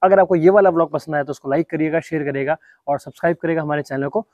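A man's voice: a little high, very fast, a little mellow, no echo. A young man talking casually to his viewers as a vlogger, chatty and friendly with the camera. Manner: chatty, addresses viewers as guys. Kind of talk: casual vlog chat.

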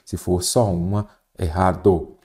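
A man's voice: low-pitched, steady tone, takes it slowly, a little mellow. A teacher working through exam questions step by step, asking and answering his own questions. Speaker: Portuguese teacher. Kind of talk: exam prep lesson.

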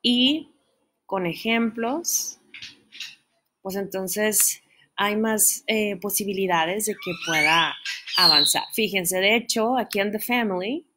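A woman's voice: medium pitch, slow pace, sharp tone, slight background noise. A woman teaching an online pronunciation lesson, explaining step by step and often checking in with her listeners. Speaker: English teacher.

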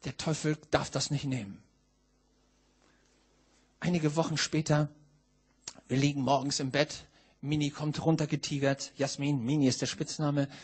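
A middle-aged man from northern Germany preaching a sermon, telling a personal story emphatically, dropping low and then rising to shouts. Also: flat delivery, moderate pace, pauses often, slightly rough. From Schleswig-Holstein, northern Germany. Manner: emphatic, swings from hushed to shouting.

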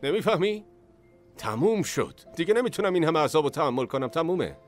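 A man's voice: on the high side, big pitch swings, faint music behind. An actor dubbing a distraught young father in a TV drama, pleading and breaking into raised cries. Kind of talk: Persian dub of a TV drama.

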